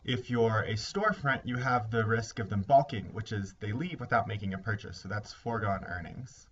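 Low-voiced man giving a lecture. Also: husky. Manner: measured explanatory delivery. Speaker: instructor. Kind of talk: recorded lecture. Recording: slightly dull lo-fi recording with faint hiss.

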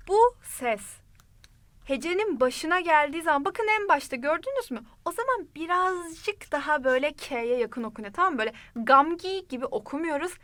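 A woman teaches an online language lesson in a high, bright voice. She talks to the learner in a friendly, direct way and repeats each word slowly and clearly. The recording is dry and close. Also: no echo.

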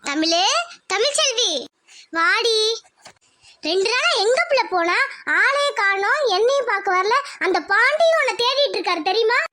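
A woman voicing a chatty, helpful young village girl in a cartoon, speaking in a lively rural manner. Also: extremely high pitch, normal speed, slight background noise, full character voice. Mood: earnest, coaxing. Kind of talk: cartoon voice acting.

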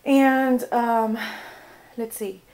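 A woman's voice: fairly high pitch, steady tone, drawn-out words, darkish tone, poor audio. A young American woman chatting casually in a vlog, rambling with lots of fillers. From United States. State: out of breath. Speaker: vlogger.

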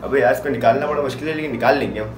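A young man from Pakistan with a Karachi Urdu accent, vlogging at home in a chatty, excitable, teasing way. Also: mid-range voice, racing, a little hiss or hum. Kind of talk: casual home vlog. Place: family home indoors.

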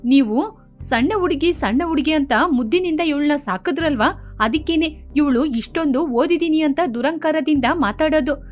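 A woman's voice: sits high, normal speed, faint music behind, natural voice. A woman voicing a stern, loyal older sister from the village who scolds firmly. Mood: scolding. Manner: scolding, firm.

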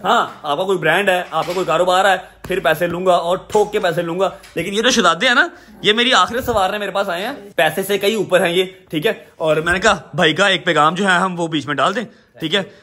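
A man's voice: high voice, a little fast, few pauses. Teasing man. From Pakistan. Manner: warm, teasing, emphatic. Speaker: vlogger. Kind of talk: casual family vlog talk.

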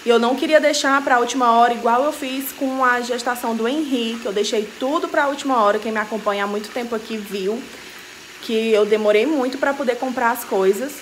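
A woman's voice: on the high side, brisk, a little hiss or hum. Chatty young woman vlogging at home. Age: young adult. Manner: chatty, talks straight to viewers. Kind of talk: casual vlog to camera. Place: home kitchen and living room, indoors. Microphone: handheld camera at arm's length.

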